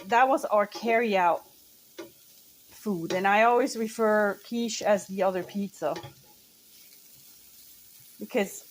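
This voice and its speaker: Swiss lady rambling along while she cooks, middle pitch, faint kitchen noise and pan sizzle behind her. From central Switzerland. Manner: chatty, rambling, self-correcting. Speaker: cooking vlogger. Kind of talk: casual chat while cooking. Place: home kitchen.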